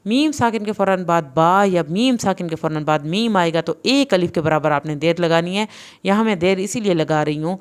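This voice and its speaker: A woman with a low, smooth, resonant voice leads a reading lesson. She spells out each syllable deliberately and joins them into words. Between drills she gives brisk, plain explanations. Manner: explains rules in quicker, plain teacherly asides. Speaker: Quran reading teacher. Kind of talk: recorded online lesson.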